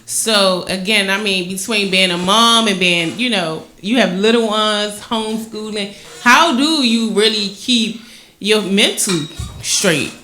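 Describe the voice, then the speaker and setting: A woman hosting a casual talk show, asking questions in a relaxed way. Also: mid-range voice, a little slow. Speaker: host. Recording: echoey room.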